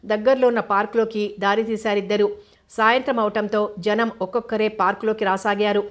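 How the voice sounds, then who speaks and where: Flat-toned woman narrating a novel. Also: medium pitch, brisk. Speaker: audiobook narrator.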